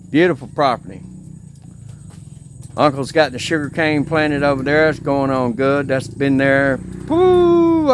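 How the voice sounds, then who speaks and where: A man with a fairly high, very lively voice films a walking vlog outdoors on a handheld camera. He talks in a defiant, rambling way around a cigar. Faint outdoor sounds and animals sit behind him. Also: noisy background. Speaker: vlogger. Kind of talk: casual walking vlog tour. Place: outdoors at a rural family home.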